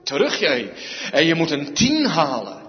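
A man's voice: fairly high pitch, huge pitch swings, measured pace. A man preaching voices a stern male slave tutor who scolds a child and orders him back to his homework. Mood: scolding. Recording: dull sound, echoey hall.

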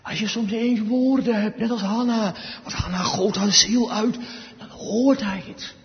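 A man with a high voice preaches a sermon at a slow, deliberate pace. He drops to near whispers, then rises to loud, pleading cries. The sound is dull and rings with long church reverb. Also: fairly even intonation. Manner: swings between hushed, slow lines and loud pleading cries.

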